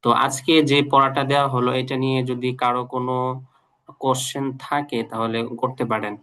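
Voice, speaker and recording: A man's voice: mid-range voice, fairly even intonation, bright, forceful tone, smooth. Patient man teaching letter sounds. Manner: patient, repeats letter sounds slowly for students. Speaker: Quran teacher. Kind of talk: online class lesson.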